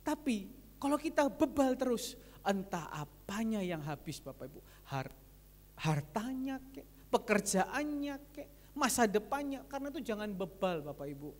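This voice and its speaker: A man's voice: high-pitched, moderate pace. Preaching man in a reverberant church hall. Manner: lively preaching that switches between retold dialogue and addressing the congregation. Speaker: pastor. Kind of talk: sermon.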